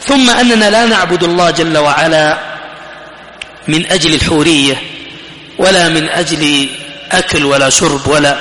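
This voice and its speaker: Bright, high-voiced man preaching in an echoey hall. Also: moderate pace, pauses often. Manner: emphatic, repeats phrases, rises sharply in exhortation. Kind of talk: sermon. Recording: echoey hall, faint ambience.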